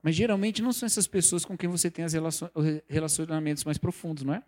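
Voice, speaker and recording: A man preaching a sermon, lively and conversational, acting out the quoted voices of people he talks about. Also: on the high side, very fast. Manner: animated, acts out quoted voices, mocking examples. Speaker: pastor or preacher.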